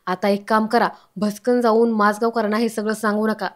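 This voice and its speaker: A man's voice: high voice, little pitch movement, normal speed, close to an everyday voice. A woman voicing a sly, scheming middle-aged man from the housing society, talking in a persuasive way.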